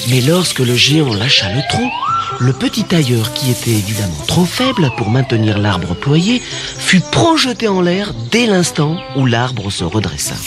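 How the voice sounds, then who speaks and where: A man narrating a children's fairy tale in an expressive, animated way. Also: mid-range voice, moderate pace. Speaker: storyteller. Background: music.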